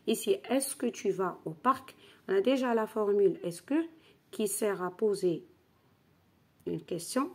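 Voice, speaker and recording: A woman's voice: fairly low pitch, darkish tone, husky. A woman French teacher correcting grammar exercises for pupils, patient, and repeating key phrases.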